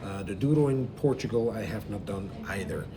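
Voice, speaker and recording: A middle-aged man from Belgium, a cruise director, answering interview questions in a relaxed, explanatory way with frequent fillers. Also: on the low side, brisk, noisy background. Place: aboard a river cruise ship.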